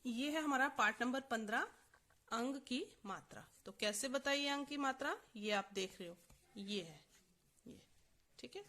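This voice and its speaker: A woman's voice: fairly high pitch, animated, unhurried, pushed and bright. A woman teaching a reading lesson, sounding out each letter one by one and asking and then answering her own questions. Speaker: Hindi teacher. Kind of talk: slow spelling-out lesson for children.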